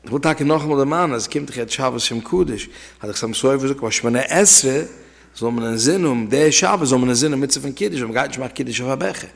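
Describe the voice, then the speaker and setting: A man teaches an informal religious law lesson as a rabbi, weaving anecdotes into his talk. His voice is gravelly and a little husky. The long reverb of a hall trails behind every phrase. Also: mid-range voice, quick pace. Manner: conversational, telling anecdotes to listeners.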